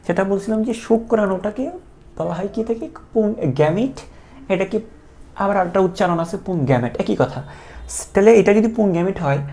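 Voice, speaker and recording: A man's voice: sits high, darkish tone. A man teaching a biology class live online, chatty, asking questions and answering them himself.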